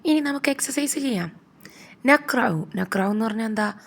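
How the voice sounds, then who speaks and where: A woman's voice: a little high, vocal fry. Malayali woman teaching young children. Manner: slow, sing-song storytelling to young pupils. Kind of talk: children's language lesson.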